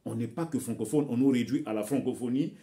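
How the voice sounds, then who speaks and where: Speaking quickly, this Congolese vlogger, a Bembe speaker, urges his audience on in fervent commentary straight to camera. His voice is warm and dark at mid pitch; he addresses listeners as brothers and sisters and repeats words as he hunts for the right phrasing.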